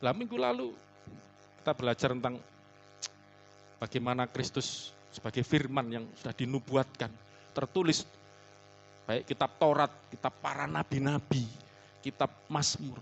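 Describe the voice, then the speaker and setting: A male pastor preaching a conversational sermon, telling stories and often calling his listeners "saudaraku", moving between loud emphasis and soft, hushed asides. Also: medium pitch, animated, normal speed, vocal fry, pauses often, slight background noise. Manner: chatty, storytelling, often calls listeners "saudaraku". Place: church service.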